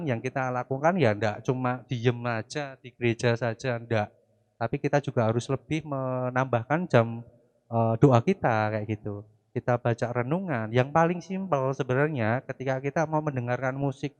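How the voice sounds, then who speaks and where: A man with a light lilt delivers a relaxed, conversational sermon. His voice sits in a middle pitch, and he talks in an easygoing, chatty way. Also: muffled recording. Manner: relaxed, chatty, with Javanese-flavored asides. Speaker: preacher. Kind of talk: casual sermon. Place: online church service.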